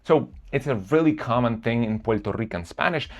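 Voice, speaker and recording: A man's voice: mid-range voice, brisk. A man narrating an explanatory pronunciation lesson as its presenter.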